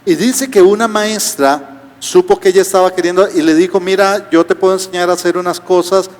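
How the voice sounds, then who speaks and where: A man's voice: sits high, fairly even intonation, a little fast. A male pastor, preaching a sermon with rhetorical questions and humorous asides. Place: church auditorium. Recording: reverberant church hall.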